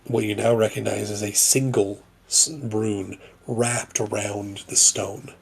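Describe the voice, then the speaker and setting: Slow, gravelly-voiced man narrating a game. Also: lowish voice, steady tone. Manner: slow, measured descriptive narration. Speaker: game master.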